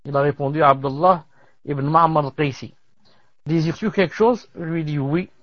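A man teaching as he reads aloud from a classical religious text, pausing to comment and dropping in Arabic religious terms. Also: on the high side, no room sound. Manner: measured reading with pauses and Arabic religious terms. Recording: dull lo-fi dry recording.

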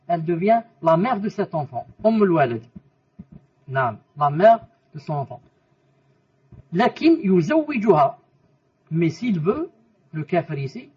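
Professeur de religion à la voix voilée. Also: male voice, high-pitched, slightly rough. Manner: explains by asking questions and repeating answers; mixes in Arabic terms and quotations. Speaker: religious teacher. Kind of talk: religious lesson to students. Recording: muffled voice from a distance.

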